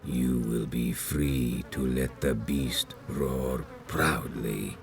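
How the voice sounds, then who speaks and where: Extremely deep, menacing ancient vampire lord. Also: male voice, fairly even intonation, gravelly, soft background music, heavily acted. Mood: solemn menace. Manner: solemn, grandiose, deliberate. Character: ancient menacing male vampire sect leader, grandiose and cold. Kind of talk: dramatic video game villain dialogue.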